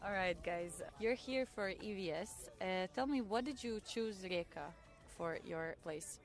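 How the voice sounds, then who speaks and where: A woman's voice: medium pitch, unhurried, faint music behind. A woman hosting a radio interview, reading an introduction and then asking her guests short, simple questions. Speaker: radio host.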